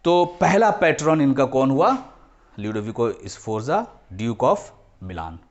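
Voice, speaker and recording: Here a medium-pitched man talks slowly, his pitch swinging widely, on a recording with the highs cut off. He's lecturing children on history in class, explaining each term, repeating main points, and often using English phrases.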